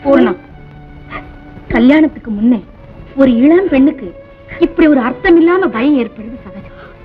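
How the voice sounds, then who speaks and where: Calm reassuring lady doctor, high voice, muffled old movie audio. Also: normal speed, soft background music. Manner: gentle, reassuring. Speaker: actress in a film. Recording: dull old film soundtrack.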